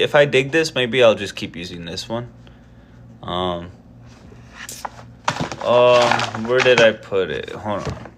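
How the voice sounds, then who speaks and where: A man's voice: mid-range voice, fairly bright tone, slight background noise. A man in his twenties chatting casually to viewers before a live book reading, meandering and self-deprecating, with lots of fillers and restarts. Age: 20s. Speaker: live-stream book reader. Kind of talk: casual rambling chat to viewers.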